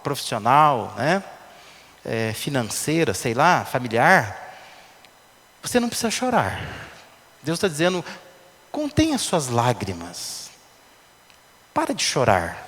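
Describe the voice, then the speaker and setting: A pastor preaching in a conversational tone and stopping often to put rhetorical questions to his listeners. His voice sits a little high and his intonation rises and falls a lot. A long reverb trails behind him, as in a large hall. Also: fairly bright tone. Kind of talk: sermon.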